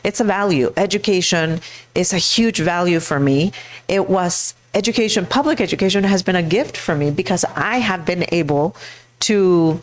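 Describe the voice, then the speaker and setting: A middle-aged woman from Mexico, a school board candidate speaking earnestly into a handheld mic, pausing often with fillers and restarts. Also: on the low side. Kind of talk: personal speech to a live audience.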